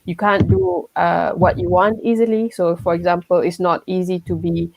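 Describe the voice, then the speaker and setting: A woman's voice: on the low side, little pitch movement, normal speed, creaky, dry recording, rough recording. A woman from Malaysia who has a young child, sharing her views in a casual group discussion, with many fillers and restarts. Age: adult with a child. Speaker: workshop participant.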